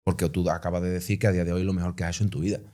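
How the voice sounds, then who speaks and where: A man hosts the conversation in a very deep voice. He talks fast and assertively, jumping in with firm remarks. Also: little pitch movement, dark tone. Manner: assertive, quick interjections. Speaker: podcast host. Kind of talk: interview conversation.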